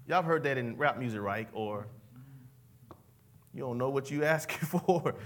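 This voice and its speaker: A man's voice: mid-range voice, lively intonation, slow, slight background noise. A man preaching a sermon, leading the congregation in call-and-response and mixing in folksy asides. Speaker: pastor.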